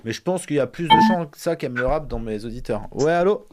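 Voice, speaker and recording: A man's voice: mid-range voice, lively intonation, fast, over music. A man hosting a casual live stream, talking bluntly and mockingly with slang and swearing. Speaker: streamer host, rapper.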